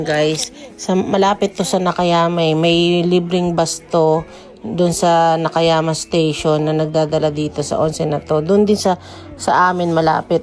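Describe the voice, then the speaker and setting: Chatty mother vlogging over soft music. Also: fairly low pitch. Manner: chatty, addresses viewers as guys. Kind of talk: casual vlog narration.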